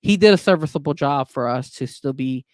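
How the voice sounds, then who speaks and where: Animated man with restarts. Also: mid-range voice, fairly quick, no room sound. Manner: animated, hedging, many restarts. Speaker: podcast co-host. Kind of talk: casual sports chat.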